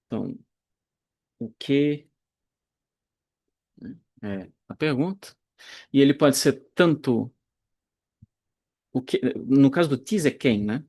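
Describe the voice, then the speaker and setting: A man teaching Greek grammar in a recorded online lecture, explaining slowly and deliberately, pausing and correcting himself as he goes. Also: medium pitch, expressive, gravelly, darkish tone. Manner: slow, deliberate explaining with pauses and self-corrections.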